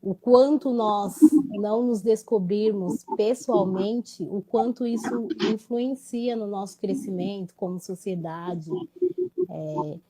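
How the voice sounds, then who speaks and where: Woman, host, casual interview, mellow tone, reflective, conversational. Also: mid-range voice, steady tone, takes it slowly, poor audio. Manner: reflective, warm-toned, with many tag questions.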